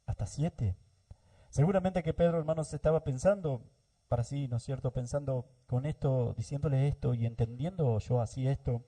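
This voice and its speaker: An Argentine pastor with a dark, mid-range voice preaches a brisk sermon in church. He speaks directly to the congregation over and over, with frequent amens.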